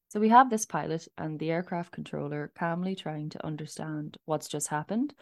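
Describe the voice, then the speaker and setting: Low-voiced Irish woman co-hosting. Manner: laughs often, conversational. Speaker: podcast co-host. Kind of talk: casual chat.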